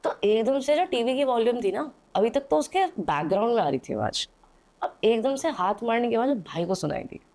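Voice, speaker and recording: With a brisk, sing-song delivery and a slightly high, darkish-toned voice, a young podcast guest tells a story in an indoor studio. She's casual and chatty, using hesitant fillers and often checking in with "theek hai," or "okay?"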